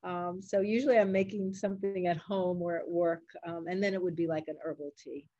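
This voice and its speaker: The doctor, a Puerto Rican grandmother (or from a Puerto Rican family) with Spanish and English as first languages, talks fairly quickly in a lowish, steady, warm voice. The audio is dull with slight background noise. Her casual interview answers use easy, encouraging words meant for children.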